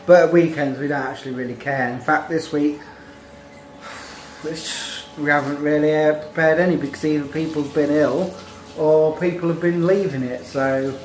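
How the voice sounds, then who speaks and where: A man's voice: fairly high pitch, steady tone, moderate pace, rough recording. Casual man in his thirties, home vlog, phone at arm's length in a small kitchen, faint noise behind. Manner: chatty, rambling, addresses viewers as guys. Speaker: vlogger. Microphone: phone held at arm's length.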